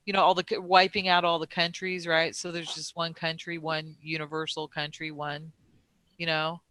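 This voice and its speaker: A man's voice: fairly high pitch, level tone, moderate pace, sharp tone, clean tone, no room sound. A man in casual conversation who rambles, with many fillers and restarts.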